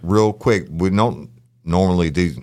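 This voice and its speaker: Male podcast co-host, deep register, boisterous and jokey, completely natural unscripted talk. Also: a little slow, a little mellow. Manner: boisterous, joking banter. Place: podcast studio.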